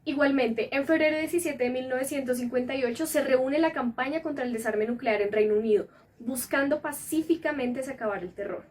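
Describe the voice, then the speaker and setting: A woman reading a scripted school presentation in an even, informative tone. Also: high voice, brisk.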